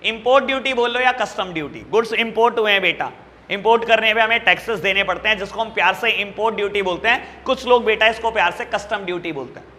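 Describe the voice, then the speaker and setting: A man teaching a commerce class, warmly calling his students "beta" and asking them questions that he answers himself. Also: high-pitched, big-room sound. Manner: affectionate, calls students "beta" and "babu" constantly. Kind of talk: classroom lecture.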